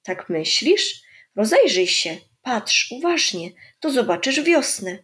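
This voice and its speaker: A woman voicing a kind, patient old grandfather in a children's storybook, speaking in a gentle, coaxing, explaining way. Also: on the high side, big pitch swings, takes it slowly, exaggerated voice.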